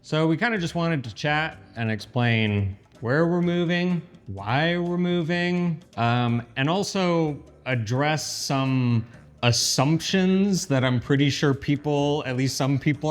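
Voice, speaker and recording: A man's voice: fairly high pitch, unhurried. An American man chatting casually and informally to camera as a vlog host, in an echoey empty kitchen. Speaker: channel host. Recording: echoey empty room, faint music.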